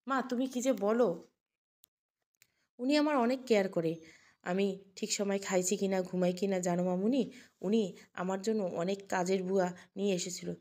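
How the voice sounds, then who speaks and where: A woman voicing a gentle young wife in an audio story, speaking softly and sweetly as she hides her sadness. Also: mid-range voice, normal speed, long pauses, natural voice.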